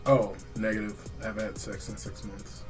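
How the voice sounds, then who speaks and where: A man's voice: lowish voice, completely flat delivery, moderate pace, soft background music. A man co-hosting a podcast in casual group chat, speaking plainly and candidly. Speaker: podcast co-host.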